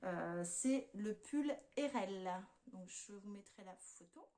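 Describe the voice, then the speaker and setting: A woman's voice: mid-range voice, expressive, slow pace, warm tone. A woman in her thirties talks in a casual, chatty way and speaks. She hosts a podcast and fills her sentences with hesitant fillers as she goes. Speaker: knitting podcast host. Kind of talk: casual chat.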